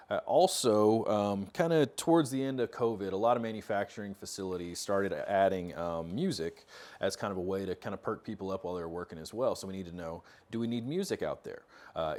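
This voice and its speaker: A man in his thirties with an American accent and a low, darkish voice hosts a product tech talk series. He explains things casually to the camera in an informal instructional style from an indoor workshop studio lined with metal cabinets.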